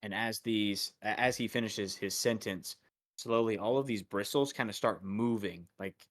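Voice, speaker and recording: A man narrating as dungeon master, his voice sitting fairly low. He describes the scene in a loose, rambling way, stacking fillers as he goes. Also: moderate pace. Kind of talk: narrating a tabletop game.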